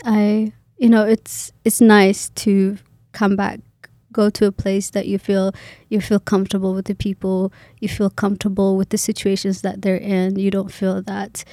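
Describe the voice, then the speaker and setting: A woman's voice: mid-range voice, monotone, moderate pace, mellow, no room sound. A woman in her twenties from Kenya, a graduate student talking in a casual interview, hesitant with many fillers and restarts.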